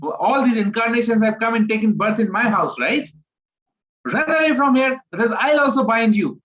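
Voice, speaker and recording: A stern village mother, sharp and dismissive, as a male preacher puts her on. The voice is pushed high and loud. The recording is muffled and lo-fi. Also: expressive, slow, heavily acted. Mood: scolding. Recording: dull lo-fi recording.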